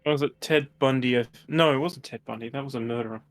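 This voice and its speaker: A man's voice: medium pitch, a little fast. A man in his thirties playing a tabletop game, rambling and poking fun at himself. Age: 30s. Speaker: player. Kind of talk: casual chat at a game table.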